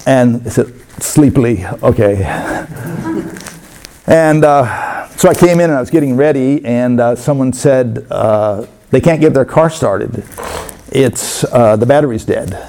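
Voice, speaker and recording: A man preaching a sermon as a pastor, telling stories in a conversational way with many pauses. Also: medium pitch, mellow, a little hiss or hum.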